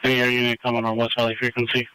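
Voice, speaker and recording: Monotone male police radio dispatcher. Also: mid-range voice, racing, smooth, rough recording. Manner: clipped, impassive listing of details. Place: police scanner radio feed.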